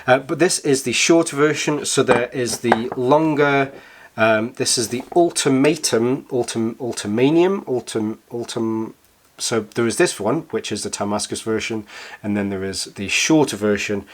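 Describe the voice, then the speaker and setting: A man with a croaky, slightly hoarse voice, chatting casually and enthusiastically as he reviews a product, a little rambling and hesitant. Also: mid-range voice, normal speed, a little hiss or hum. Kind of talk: casual review chat to camera.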